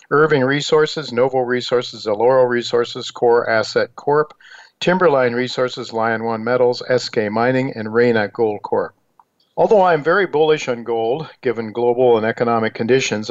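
A man hosting a financial radio show, delivering a partly scripted monologue in a halting way, repeating words. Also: mid-range voice. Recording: dull lo-fi radio audio.

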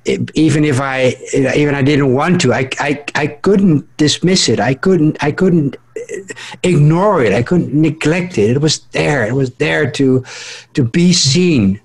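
A man co-hosting a radio talk show about the mind, speaking casually and haltingly, often repeating words as he searches for them. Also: on the high side, breathy edge. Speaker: co-host.

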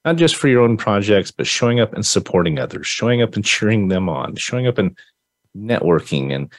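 Low-voiced, effusive male podcast host. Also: very animated, brisk, no room sound. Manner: effusive, rambling, lots of restarts. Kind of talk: casual interview.

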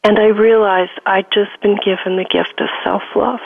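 A woman guest slowly recounting a spiritual experience, telling her story with deliberate, repeated phrases. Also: medium pitch, little pitch movement, creaky, breathy edge. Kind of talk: emotional spiritual testimony. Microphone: telephone. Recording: dry phone-line audio.

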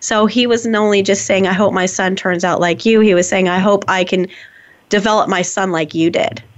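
A woman's voice: medium pitch, steady tone, normal speed. A woman hosting a podcast, reflective and affirming, often answering with "right" and "exactly". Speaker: podcast host. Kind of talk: casual podcast conversation. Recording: slightly dull, muffled sound.

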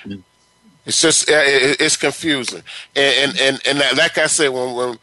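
A man co-hosting a casual sports talk chat, halting and repeating words as he builds his opinions. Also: mid-range voice, steady tone, pushed and bright, no echo, low-quality recording.

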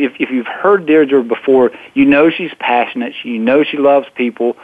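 A man's voice: medium pitch, dry recording. A male radio host phones in his show, so his voice comes through a tinny, narrow phone line with no room sound at all. He talks in a loose, rambling way, doubling back on words and restarting sentences as he goes. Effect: talking over the phone. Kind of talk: casual talk radio monologue. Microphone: telephone.

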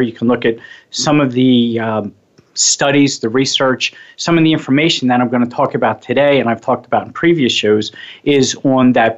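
A man hosting a radio show on hypnosis and mindfulness, talking casually in a rambling way and often correcting himself. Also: mid-range voice. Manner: rambling, self-correcting, chatty. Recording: slightly muffled lo-fi audio.

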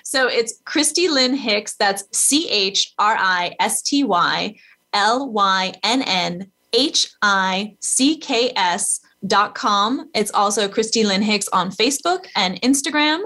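A woman's voice: medium pitch, animated, bright, forceful tone. A woman hosting an interview, encouraging and openly emotional as she talks with her guest. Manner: emotional, encouraging, slow-spoken. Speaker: host. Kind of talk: casual interview chat.

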